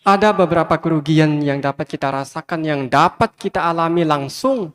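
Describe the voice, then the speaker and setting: Speaking at a moderate pace in a rather high, fairly bright voice, this Buddhist monk delivers a sermon built on repeated, emphatic phrases aimed straight at his audience. The setting is a big hall with many fans, captured with long reverb.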